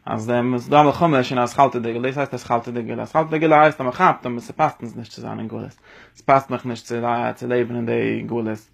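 A man's voice: medium pitch, fairly even intonation, fast, creaky. A man giving a spoken religious lesson, rambling and restarting, mixing in Hebrew and English words. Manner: mixes Yiddish with English and Hebrew terms. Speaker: teacher.

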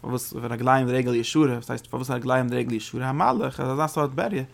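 A Torah teacher speaks quickly in a creaky, mid-range voice during a religious study lecture. He halts often, repeats words and restarts phrases, and his voice jumps up emphatically whenever he stresses a point.

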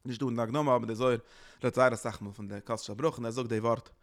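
A man's voice: medium pitch, steady tone, racing. A man giving a religious lecture as a teacher, earnestly circling back to restate his points.

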